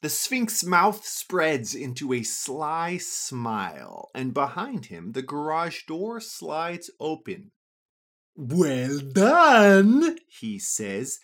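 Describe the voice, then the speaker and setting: A storyteller reading a scripted adventure story for children, with an expressive, lively delivery. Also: takes it slowly, hardly any pauses. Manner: lively, expressive reading with a wide pitch range.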